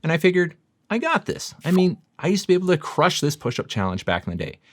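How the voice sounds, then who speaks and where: Animated male fitness coach, dry close sound. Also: on the high side, fast talker, no echo. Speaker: fitness coach and video host. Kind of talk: scripted explainer to camera.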